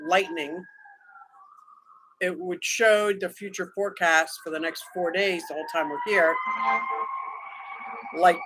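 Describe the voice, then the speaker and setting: Against a noisy background, a medium-pitched livestream host reads chat from a vacation room, joking around and greeting viewers by name in a casual live conversation.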